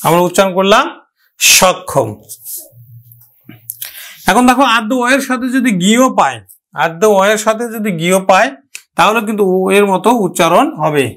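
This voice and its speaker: A man's voice: high-pitched, lively intonation, brisk, a bit bright. A man teaching a pronunciation lesson, who explains step by step and repeats each example word several times.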